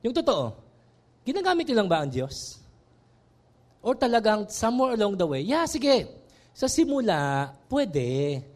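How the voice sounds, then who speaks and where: High, lively pastor preaching. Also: male voice, measured pace, long pauses. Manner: animated preaching, mixing Tagalog and English, mock voices. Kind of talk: sermon.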